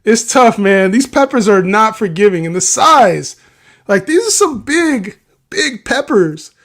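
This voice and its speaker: A man's voice: high-pitched, very animated, unhurried, fairly bright tone. A man co-hosting a casual sports betting livestream, laughing often and teasing his partner. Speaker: livestream co-host.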